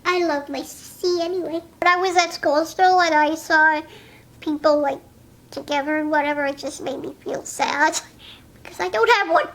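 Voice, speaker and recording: A woman's voice: high-pitched, normal speed, a bit bright. A young woman being interviewed in a casual chat, blunt and insistent, often giggling between answers.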